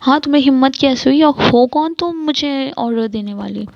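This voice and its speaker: A woman's voice: high voice, normal speed, creaky, a little mellow, no echo. A woman voicing an arrogant, proud rich young man who is angry at being insulted, on a dull lo-fi recording. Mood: offended. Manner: proud, boastful.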